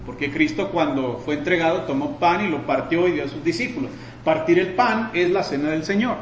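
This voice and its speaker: A man preaching a sermon, asking his listeners rhetorical questions and answering them himself, with loud emphatic bursts and quieter explaining stretches. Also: on the high side, a little fast, roomy sound, muffled recording, slight background noise.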